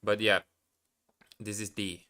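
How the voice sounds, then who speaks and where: Slow and flat in delivery, a man with a fairly low voice and a bright, forceful tone thinks aloud during a live study stream. Portuguese is his first language, and he hesitates and corrects himself as he works through the language he's learning.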